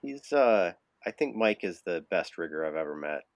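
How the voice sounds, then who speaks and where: Casting note: man, low voice, casual storyteller, lots of "uh", close dry sound. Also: very animated, moderate pace, no room sound. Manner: rambling storyteller, many fillers, laughs often. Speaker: rigger telling stories. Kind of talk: casual chat.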